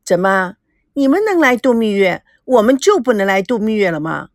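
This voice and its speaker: A woman's voice: mid-range voice, sing-song, moderate pace, no room sound, clean studio sound. A woman reading the lines of a bold young woman who scolds her friend in an audiobook story. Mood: scolding.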